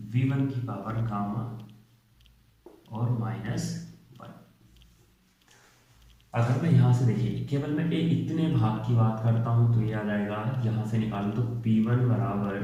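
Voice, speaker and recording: A male physics teacher working through derivations step by step, often pausing to check in with his students. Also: fairly low pitch, warm tone. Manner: explains step by step, often checks with "theek hai". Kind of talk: whiteboard lecture. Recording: echoey room, distant muffled mic.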